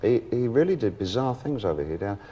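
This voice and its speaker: A middle-aged man talking as a guest on a television talk show, telling lively anecdotes, laughing often and acting out other people's voices. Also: medium pitch, brisk, lo-fi sound. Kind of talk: casual anecdotal interview chat.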